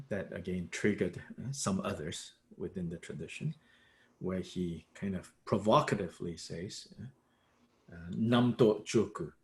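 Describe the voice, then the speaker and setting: Animated man teaching a book study. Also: on the low side. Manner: animated, repeats words, many "uh" and "you know". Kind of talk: lively explanatory teaching.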